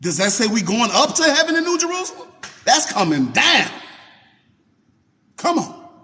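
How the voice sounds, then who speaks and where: Animated high-voiced man reading scripture. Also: in a large hall, slight background noise. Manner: reads scripture slowly, then preaches in vernacular asides; talks to viewers by name and asks questions. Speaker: Bible teacher on a livestream. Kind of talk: informal Bible reading and preaching.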